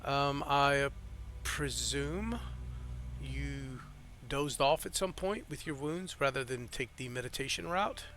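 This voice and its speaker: A young man running a tabletop game, rambling and hesitant as he narrates. His voice is bright and forward, with a faint hum of noise behind him. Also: mid-range voice, takes it slowly. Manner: rambling, hesitant, lots of fillers. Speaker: dungeon master.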